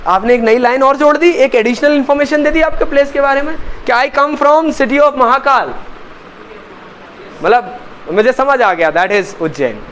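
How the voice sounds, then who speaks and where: A man with an Indian accent teaches a spoken English class and speaks in a strikingly high voice. He is emphatic, slows right down to drill each phrase and keeps asking the students to say it back. Faint traffic noise sits behind him. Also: a bit bright, poor audio. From Indore, India. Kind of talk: classroom language lesson.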